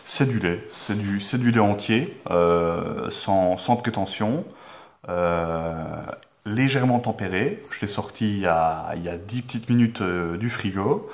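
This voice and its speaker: A young Belgian man with a Belgian French accent, telling a deadpan comic story to the camera in a halting way, full of filler sounds. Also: fairly low pitch. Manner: hesitant, full of filler sounds, with sudden mock-outraged yelps. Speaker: comedy vlogger.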